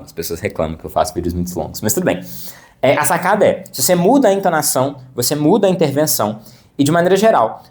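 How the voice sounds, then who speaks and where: Man, psychologist, video lesson to camera, camera mic, rapid delivery, frequent tag questions. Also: medium pitch. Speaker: psychologist teaching clinical practice. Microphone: camera mic, speaking to camera.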